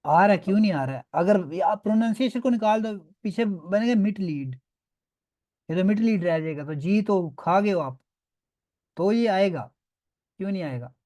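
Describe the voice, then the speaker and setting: A man's voice: sits high, lively intonation, normal speed, darkish tone. A man teaching a beginners' online class, patiently drilling sounds and often checking that students follow. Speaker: language teacher.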